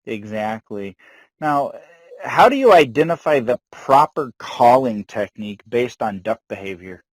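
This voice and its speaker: Male host, medium pitch, casual interviewer, dry recording without room sound. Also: lively intonation, a little slow, no echo, low-quality recording.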